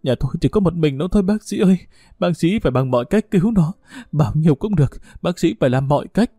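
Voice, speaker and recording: A man's voice: fairly high pitch, expressive, fast, mellow, slightly rough, no echo, studio quality. A man voicing a distraught pleading mother in her forties. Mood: pleading, frantic. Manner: sobbing, pleading.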